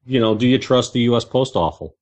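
A man's voice: mid-range voice, expressive, fast, darkish tone. A man co-hosting a podcast in casual conversational talk. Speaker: podcast co-host.

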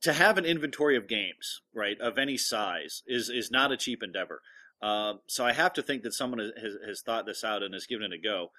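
A man hosting a casual podcast with halting delivery, sounding inside a fishbowl through a headset earpiece in a large room. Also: fairly low pitch, lively intonation, sharp tone. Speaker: podcast host. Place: large echoey room, travelling. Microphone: portable headset earpiece.

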